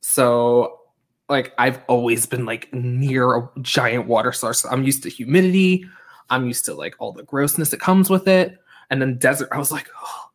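A man who grew up on Long Island talks as a podcast guest in easy, casual chat. He is chatty, dropping quick asides as he goes. His voice has an ordinary pitch for a man. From Long Island, New York.

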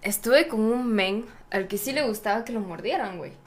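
A young woman co-hosting a casual podcast, soft-spoken and a bit drunk. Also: on the high side, animated, moderate pace. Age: young adult. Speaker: podcast co-host. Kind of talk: casual live-stream chat.

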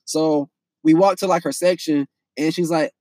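Animated young man. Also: fairly high pitch, moderate pace, no echo. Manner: animated, profane, frequent restarts and laughter. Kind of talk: casual storytelling.

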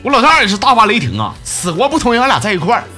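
Animated comic host. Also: male voice, high-pitched, rapid-fire, faint music behind. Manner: joking, animated, laughs at own punchlines. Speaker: host reading listener messages. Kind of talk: comic radio-style monologue.

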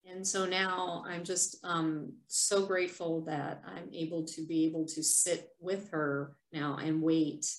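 A woman reading her own poem and then talking it over in a soft, unhurried, reflective way. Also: low voice. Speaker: vlogger sharing her poems. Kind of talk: poetry reading and reflective talk. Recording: echoey room.

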